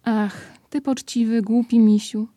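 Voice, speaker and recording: A kind young boy, voiced by a woman reading a storybook speaks tenderly. The voice is fairly high and mellow, close and dry. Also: level tone, measured pace, no room sound, natural voice.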